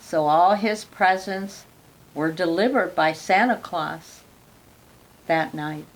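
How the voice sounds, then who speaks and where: An older woman reading a children's picture book aloud, speaking gently and adding friendly asides to the listener. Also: lowish voice, slow pace, rough recording. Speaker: storyteller.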